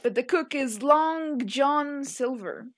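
Teasing, opinionated woman podcaster. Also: high voice. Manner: opinionated, teasing, quick asides. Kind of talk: casual chat.

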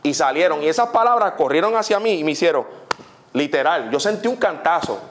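A young man with a Puerto Rican accent preaching a testimony sermon, animated, often saying "literally" and putting questions to his listeners. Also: on the high side, brisk, a little hiss or hum. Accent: Puerto Rican Spanish.

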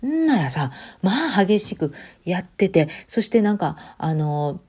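A woman's voice: fairly low pitch, big pitch swings, a little slow, warm tone, husky. A woman with a Kansai accent talking casually and chattily to her audience, mixing standard and Kansai speech. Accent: Kansai Japanese. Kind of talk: casual monologue.

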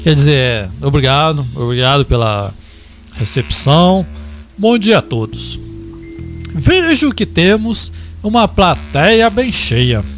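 A camp, flustered doctor trying to sound like an alpha male guru in a radio comedy sketch. He has a Brazilian accent and speaks slowly and theatrically, swooping between fluty and gruff. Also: a little high, very animated, faint music behind, pitched below the performer's own voice. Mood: pompous, flustered. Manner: camp, theatrical, self-correcting into a gruff macho tone. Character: flustered effeminate male doctor posing as macho motivational guru. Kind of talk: comedy radio sketch, mock motivational speech.

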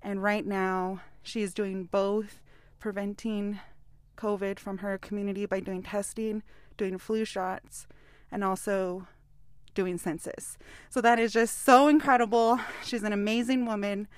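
A woman's voice: mid-range voice, level tone, unhurried, smooth, dry recording. A woman hosting a live podcast on location at an outdoor community event, upbeat and a little out of breath. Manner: enthusiastic, upbeat. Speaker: podcast host.

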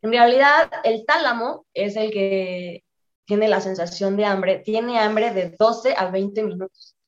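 A woman, calmly explaining and giving direct advice as the guest in an interview. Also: medium pitch, takes it slowly, lo-fi sound. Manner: calm, explanatory, gives direct advice to listeners. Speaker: guest expert on anxiety and depression.

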